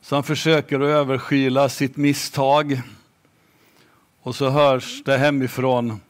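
A man preaching a sermon slowly and emphatically, at times dropping to a near-whisper. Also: mid-range voice, flat delivery.

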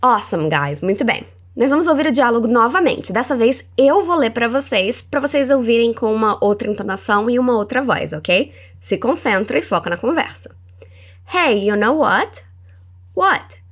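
A woman with a Brazilian Portuguese accent hosting a language lesson podcast. She is encouraging and slows down to model English words for the listener to repeat. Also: on the high side. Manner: animated and encouraging, models words slowly for repetition. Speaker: English teacher and podcast host.

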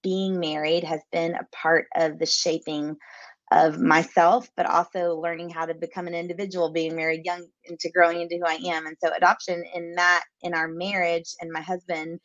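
A woman guest in an interview, an adoptive mother speaking warmly and reflectively. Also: lowish voice, flat delivery, no room sound. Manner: warm, reflective, slow and searching. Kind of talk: conversational interview. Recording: slightly dull lo-fi sound.

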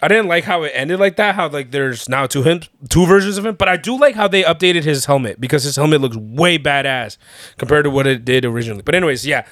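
A young man co-hosting a podcast in casual chat, excited and slangy, laughing often. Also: a little high, quick pace, no room sound, clean studio sound. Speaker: podcast co-host.

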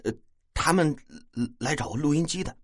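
A man's voice: fairly high pitch, animated, moderate pace, husky, no room sound, studio quality, pitched above the performer's own voice. A man voicing a hesitant, stammering male secretary in a spoken story.

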